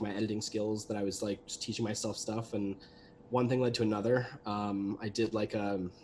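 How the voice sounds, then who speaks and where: Slight background noise accompanies a young man's lowish voice. A voice actor and animator, he's a guest on a livestream, casually rambling about his voice work with lots of fillers and restarts.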